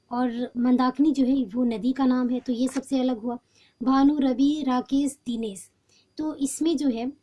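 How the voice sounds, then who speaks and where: A woman teacher explaining a textbook lesson patiently, pausing often with fillers and restarts. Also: high voice, dark tone.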